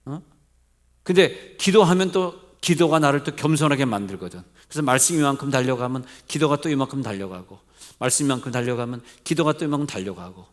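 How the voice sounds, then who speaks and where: A pastor with a Seoul Korean accent delivers a midweek sermon in a church sanctuary, speaking fairly quickly at a medium pitch. He preaches conversationally, questions the congregation, jokes lightly, and mixes polite and plain speech.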